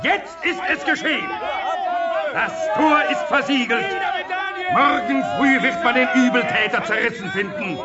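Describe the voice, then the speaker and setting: Villainous governor: gloating, very high raised voice, radio drama, noisy crowd behind. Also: male voice, a little slow, lo-fi sound. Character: malicious, triumphant governor condemning an enemy. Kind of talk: radio play acting.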